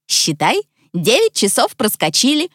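A woman voicing a calm, wise magical clock creature who speaks in a steady, reassuring tone. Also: on the high side, measured pace, no echo, clean studio sound, pitched above the performer's own voice, full character voice.

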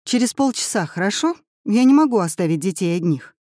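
A calm, cheerful older schoolteacher, as a woman reading the story puts her on. She speaks in a kindly, brisk way with a lively, rising and falling pitch. The mellow, dry sound sits close to the mic. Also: no room sound, lightly acted. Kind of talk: audiobook character voice.

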